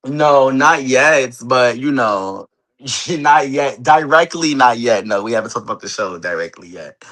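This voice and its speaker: A man's voice: mid-range voice, expressive, unhurried, fairly bright tone. Chatty man. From Queens and Harlem, New York, later Delaware. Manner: chatty, emphatic, repeats himself. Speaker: interview guest, celebrity stylist and reality show cast member. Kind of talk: casual interview chat. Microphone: phone on a video call.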